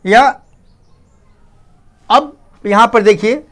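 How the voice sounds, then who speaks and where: A male teacher explains a grammar rule. His voice sits fairly high and he talks at an unhurried, deliberate pace. He goes over each point more than once and keeps asking students to pay attention. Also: fairly bright tone. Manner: slow, repetitive, asks students to pay attention.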